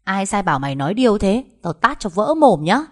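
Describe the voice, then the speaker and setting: A woman's voice: on the low side, lively intonation, fast talker. A woman voicing a haughty, arrogant young woman who answers back with insults. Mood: defiant. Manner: insulting, defiant.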